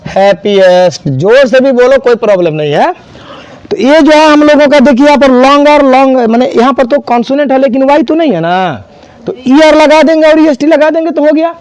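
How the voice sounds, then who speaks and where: A man's voice: very high voice, expressive, brisk, darkish tone, dry recording. A man teaching an English grammar class, spelling words out and quizzing students. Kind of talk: classroom lesson.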